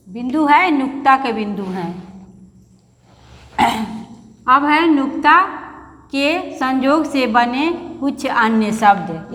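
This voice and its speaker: High-pitched Hindi teacher in a reverberant room. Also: female voice, a bit bright. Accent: Bihari Hindi. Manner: patient, slow explaining, calls pupils "beta". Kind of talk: online class lesson for young children. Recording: long hall reverb.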